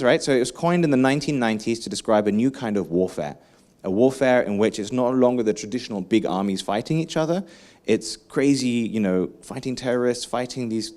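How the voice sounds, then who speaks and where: A man giving a lively conference keynote, engaging the audience with questions and frequent asides. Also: mid-range voice. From England. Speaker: keynote speaker.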